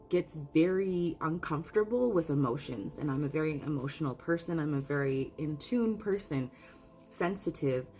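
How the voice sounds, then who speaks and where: A woman giving a casual spoken oracle card reading, earnest and openly emotional, often restarting her sentences. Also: low-pitched. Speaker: spiritual card reader.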